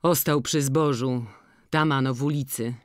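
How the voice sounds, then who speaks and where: A woman voicing an old farmer who talks slowly and deliberately. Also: steady tone, no echo, clean studio sound. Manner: slow, measured, low-key.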